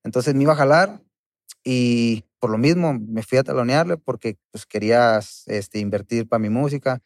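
A man's voice: mid-range voice, moderate pace, darkish tone, no room sound. Slangy man, dry sound. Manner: slangy street talk. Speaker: interview guest, rapper. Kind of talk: casual chat.

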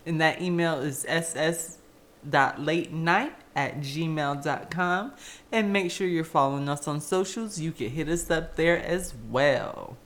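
A woman co-hosting a podcast in casual chat, blunt, profane and quick to laugh. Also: low-pitched. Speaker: podcast co-host.

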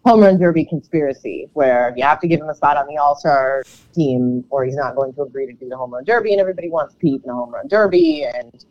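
A woman with a froggy, slightly croaky voice co-hosting a sports podcast in casual, conversational commentary, often hedging her points. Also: low-pitched, lively intonation, fast talker, dry recording. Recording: dull, lo-fi microphone sound.

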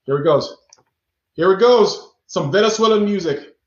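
A man's voice: high voice, lively intonation, normal speed, echoey room, highs cut off. A man hosting a live online stream, upbeat and chatty, reading out viewers' chat guesses. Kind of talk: lively interactive hosting. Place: indoor room, talking away from the mic at times.

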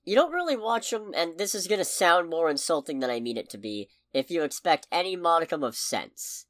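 Clean studio sound, free of room noise, captures a podcast co-host with a lowish voice and a slightly quick pace. She reviews a movie in casual chat, telling stories with wry, profane, lively humor.

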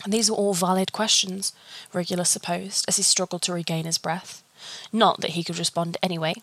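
A woman reading a fan fiction story aloud, steady and even. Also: on the low side, a little fast, no room sound.

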